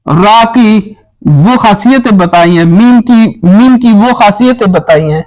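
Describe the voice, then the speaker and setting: A man acting as spiritual teacher, giving a religious talk and earnestly urging his listeners in slow, emphatic phrases. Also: sits high, darkish tone, low-quality recording.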